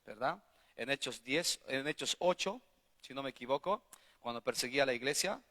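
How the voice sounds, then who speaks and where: A male pastor preaching a sermon, emphatic, peppering the congregation with questions and swinging between loud bursts and quiet asides. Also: mid-range voice, animated, fairly quick. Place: church hall. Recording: long hall reverb.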